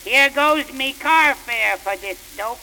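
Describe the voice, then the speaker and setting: Woman voicing a slangy boy in the bleachers, old-time dialect, high voice, very slow delivery. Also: pushed and bright, a little hiss or hum, full character voice, poor audio. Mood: boastful. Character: rowdy young male baseball fan, excitable. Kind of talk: comic poem recitation.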